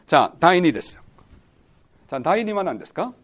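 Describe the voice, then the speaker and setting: A man's voice: fairly high pitch, big pitch swings, fast talker. A man teaching a Bible lesson as pastor, quizzing his listeners and repeating key words. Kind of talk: sermon-style Bible lesson.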